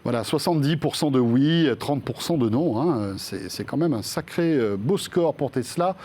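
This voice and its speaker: A man's voice: medium pitch, normal speed. A man with a mid-range voice co-hosts a tech show. He chats casually and banters with his colleagues. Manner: relaxed, bantering. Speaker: co-host.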